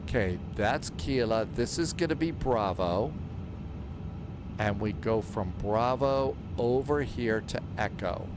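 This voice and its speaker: A man hosts a flight simulator stream in a voice of medium pitch. He chats casually and talks himself through each step, with aircraft noise clearly behind him. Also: slow. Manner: thinks aloud while narrating his steps. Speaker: flight simulator livestream host. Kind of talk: casual livestream commentary.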